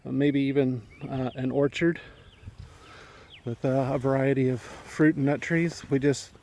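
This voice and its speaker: On a casual walking tour of his rural property, a homesteading vlogger rambles easily while a little out of breath. He speaks at a measured pace in a medium-pitched, slightly mellow voice with little pitch movement.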